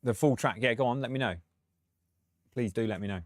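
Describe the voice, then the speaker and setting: A man's voice: medium pitch, fairly quick, no echo, studio quality. A man and music producer, talking through a track on a live stream, chatty and thinking aloud with frequent laughs.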